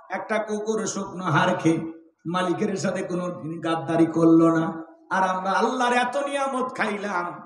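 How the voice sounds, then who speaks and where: High-voiced preacher, booming echo. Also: male voice, far from the mic. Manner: rousing, calls on the crowd to shout back; acts out voices of family and a dog in stories. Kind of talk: open-air waz sermon. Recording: loud echoing PA sound from afar.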